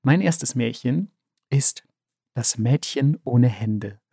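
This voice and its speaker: A man co-hosting a podcast, retelling a fairy tale in a relaxed, slangy way with many fillers. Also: mid-range voice, slow pace, gravelly, breathy edge, no room sound, clean studio sound. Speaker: podcast co-host. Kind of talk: casual storytelling chat.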